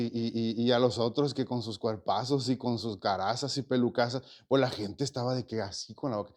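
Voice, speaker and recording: A man in his forties from Mexico talks through an interview at an even middle pitch. He is reflective and loose, full of fillers and restarts as he gathers his thoughts. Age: 40s. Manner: reflective, with many fillers and repeated words. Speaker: interview guest, actor and stage producer. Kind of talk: casual interview conversation.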